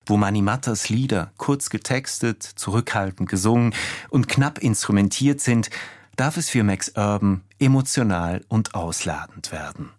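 A man hosting a radio feature, speaking in calm, measured scripted narration. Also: on the low side, no room sound, studio quality. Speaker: radio host. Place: home office.

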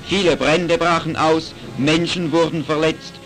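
A man's voice: on the high side, fairly even intonation, a little slow, a bit bright, soft background music, rough recording. A man narrating a 1940s wartime newsreel in a formal, declamatory announcing style, on an old archive soundtrack.

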